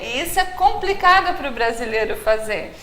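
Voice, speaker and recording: Brief: high-pitched woman, language consultant type, demonstrating pronunciations on a live TV set with room echo. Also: animated, moderate pace, pushed and bright. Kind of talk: TV studio interview. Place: TV studio.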